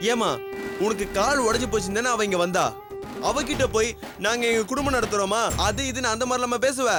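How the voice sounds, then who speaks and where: A man's voice: extremely high pitch, brisk. An actor playing an earnest young man who lectures his mother reproachfully in a soap opera. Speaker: grown son scolding his mother. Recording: drama soundtrack with clear music.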